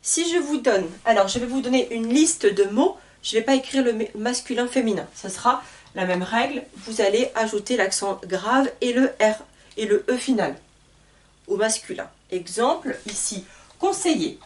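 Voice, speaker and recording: A woman teaching a grammar lesson, spelling out letters and repeating word pairs slowly. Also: fairly high pitch, recorded from a distance. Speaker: French teacher.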